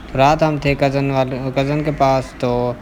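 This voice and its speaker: A man's voice: mid-range voice, fairly even intonation, unhurried, a little mellow, a little hiss or hum. A man with a Punjabi accent narrating a casual village vlog outdoors in an orchard, talking chattily with many fillers. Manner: chatty, fillers like "matlab" and "theek hai". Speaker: vlogger.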